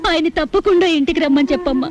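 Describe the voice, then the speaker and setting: A woman's voice: high voice, rapid-fire, close to an everyday voice. A woman acting an anxious, melodramatic married woman. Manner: pleading, melodramatic. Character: anxious married woman, jealous then pleading. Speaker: wife in a film. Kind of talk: 1980s Telugu film acting.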